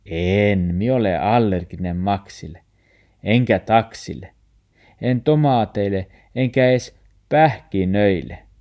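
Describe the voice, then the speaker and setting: A man reading a storybook, playing a kind, reassuring grandfather who coaxes gently in dialect. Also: fairly low pitch, dull audio, lightly acted. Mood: coaxing. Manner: warm coaxing dialect speech.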